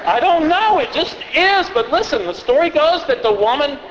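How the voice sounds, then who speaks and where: A man's voice: very high-pitched, big pitch swings, normal speed, big-room sound, heavy background noise. A man telling and reading folk tales aloud in a rambling, hesitant way, often restarting his sentences. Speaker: storyteller.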